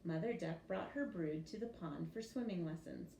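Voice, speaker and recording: A teacher with a fairly low voice reads a picture book to young pupils at normal speed, telling the story expressively with acted character voices. The room is echoey, with clear background noise.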